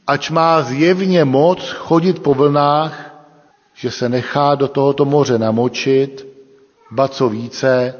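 Man preaching in a reverberant church. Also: medium pitch. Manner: measured, deliberate delivery with emphatic pauses. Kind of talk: sermon. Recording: long reverb, dull lo-fi sound.

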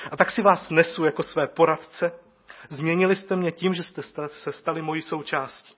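A pastor giving a reflective farewell sermon to his congregation in a church, earnest, moving between emphatic raised phrases and soft, low passages. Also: slightly rough. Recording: muffled lo-fi recording.

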